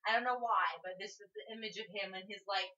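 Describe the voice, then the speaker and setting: A woman co-hosts a casual podcast, retelling the story with asides in a bright voice. She sits a little back from the mic, and the audio sounds dull and lo-fi. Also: mid-range voice, fast talker, distant mic. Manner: chatty, retells the plot with asides. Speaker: podcast co-host. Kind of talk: casual book discussion.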